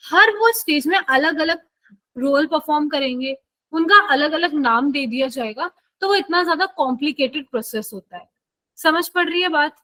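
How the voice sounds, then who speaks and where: A woman with a high, light voice teaches a live online biology class. She speaks casually and keeps checking whether her students are following. Her voice is picked up dry and close, with no room sound. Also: pushed and bright, dry recording, poor audio. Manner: chatty, checks in with students often.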